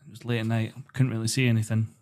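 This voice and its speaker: A young man, a podcast guest chatting casually and telling stories in a calm, unhurried way. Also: fairly low pitch. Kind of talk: casual chat.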